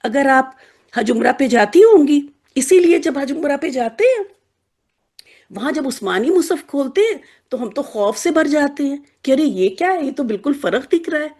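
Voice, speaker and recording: A woman with a notably high voice teaches a classroom lesson on Arabic letters. She explains patiently, turns the letters into little characters, and keeps checking that her students follow along. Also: lively intonation, a little mellow. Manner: explains patiently with playful examples and frequent check-ins.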